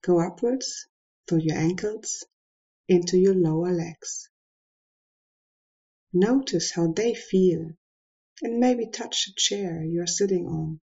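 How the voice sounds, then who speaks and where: Woman meditation guide: unhurried, low-ish husky voice, soft calm delivery, muffled lo-fi recording. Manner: slow, soft and calm instructions with long pauses.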